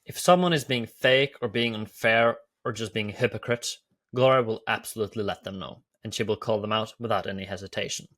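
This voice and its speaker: A man's voice: on the low side, a little fast, a bit bright. A man from Norway with a Norwegian accent, hosting an enthusiastic video commentary with repetitive phrasing. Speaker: YouTube host.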